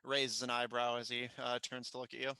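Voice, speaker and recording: A man running a tabletop role-playing game with a bright, crisp voice in a dry, close sound. He improvises his narration haltingly, feeling for words mid-phrase as game master. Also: medium pitch, level tone, no echo.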